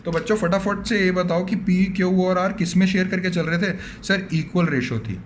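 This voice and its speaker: Indian guy teaching accounts online, a bit high pitched, keeps asking the kids questions and answering for them, little hum behind. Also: level tone, brisk. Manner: talks to students as "बच्चों", voices their questions in reply. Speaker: commerce teacher.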